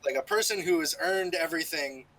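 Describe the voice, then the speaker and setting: A man's voice: fairly high pitch, a little fast, pushed and bright, rough recording. A man chatting casually as a player in a tabletop game. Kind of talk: casual chat.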